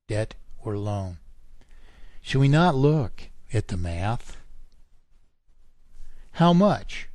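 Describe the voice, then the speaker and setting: Slow, emphatic lecturing man on radio. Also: lowish voice, mellow, no room sound. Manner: emphatic, lecturing, rises sharply in indignant questions. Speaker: radio show guest. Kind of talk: talk radio monologue.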